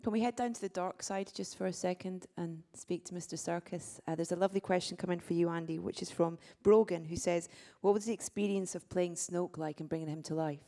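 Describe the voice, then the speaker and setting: A woman moderating a press conference, reading out questions and briskly directing the room. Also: on the low side, steady tone, dark tone.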